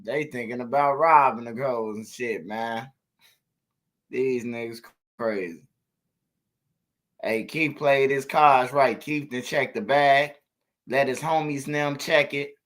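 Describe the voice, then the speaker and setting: A man's voice: medium pitch, slow pace, fairly bright tone. A man giving blunt, casual commentary on street news, repeating himself for emphasis.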